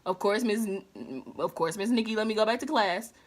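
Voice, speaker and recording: A young woman vlogger telling a slangy, animated storytime while doing her makeup. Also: mid-range voice, normal speed. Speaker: beauty vlogger.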